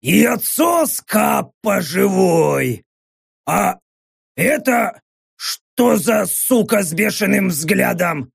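A man's voice: high-pitched, very animated, very slow, vocal fry, husky, heavily acted. A man voicing a hulking, rowdy male orc soldier who bellows crude insults in an audiobook.

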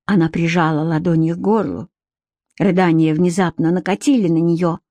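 A woman narrating an audiobook in an even, measured reading. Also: on the low side, no echo. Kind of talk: scripted narration.

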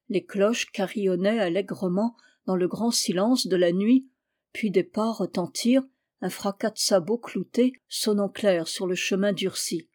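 A woman narrates an old folk tale in a steady storytelling voice. Her tone is mellow and dark, at a middle pitch. She lifts her voice when quoting characters' calls. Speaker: audiobook reader.

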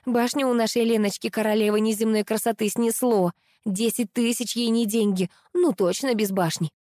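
A woman voicing a naive, whiny young blonde beauty contestant who squeaks and complains. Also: steady tone, normal speed, dark tone, no room sound, clean studio sound, lightly acted. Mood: taunting. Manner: whining, squeaky.

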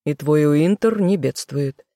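An audiobook reader voicing a weary, stern king who speaks calmly and condescendingly. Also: a little high, a little slow, dry recording, clean studio sound. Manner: calm, condescending, firm. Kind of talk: audiobook role reading.

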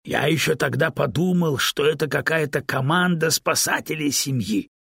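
Guy putting on an old stone voice, fussy and excited, husky and raised, dry sound. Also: a little high, normal speed, no room sound, voice pushed up, full character voice. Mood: eager, indignant. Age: older. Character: aging fussy male stone, eager and complaining. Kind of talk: audiobook character voice.

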